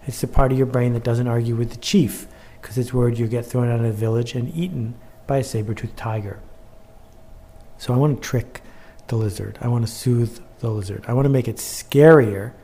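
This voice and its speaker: A man's voice: mid-range voice, mellow, a little hiss or hum. Man, motivational presenter, mid-range voice, emphatic, repeats his points, rhetorical questions. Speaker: presenter walking through his own workbook. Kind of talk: motivational instructional talk.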